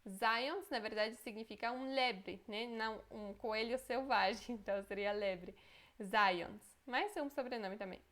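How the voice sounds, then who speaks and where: A woman gives a language lesson in a fairly high voice. She speaks slowly and deliberately, pronouncing each word carefully twice, then adds quick asides to explain. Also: fairly bright tone. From Poland. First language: Polish. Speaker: Polish language teacher. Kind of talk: language lesson, reading words aloud and explaining.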